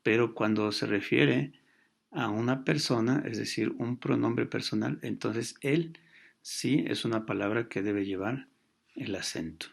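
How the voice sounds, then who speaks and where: A man teaching a grammar lesson, explaining patiently with pauses and fillers. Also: mid-range voice, gravelly, slightly rough.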